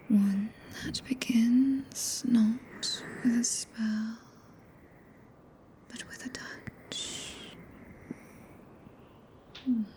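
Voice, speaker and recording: Ranni the Witch, very slow British whisper, played by a woman. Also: mid-range voice, dark tone, slight background noise. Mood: intimate, reverent. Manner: archaic, slow, breathy, intimate whispering. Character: tender, possessive four-handed witch, solemn and regal mistress. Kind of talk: ASMR roleplay, whispered. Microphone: close binaural ASMR microphone.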